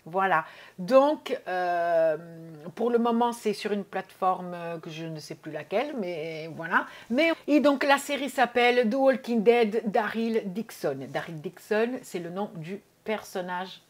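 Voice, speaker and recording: A woman's voice: medium pitch, animated, unhurried. A woman vlogging casually about her favourite series, chatty, with many hesitations and repeated words. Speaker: YouTube vlogger. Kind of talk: casual series review vlog.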